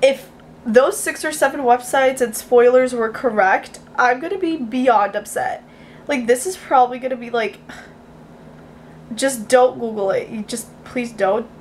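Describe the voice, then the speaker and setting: High-voiced, excitable young woman vlogging. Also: measured pace, a little hiss or hum. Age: young adult. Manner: excitable, gushing, informal. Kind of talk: casual chatty vlog. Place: small bedroom indoors. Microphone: handheld camera at arm's length.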